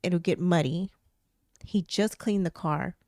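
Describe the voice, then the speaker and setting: A woman's voice: fairly low pitch, unhurried, no echo. Woman, podcast co-host, casual storytelling, cursing, exasperated, dry close mic. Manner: animated, swearing, vents with exasperation.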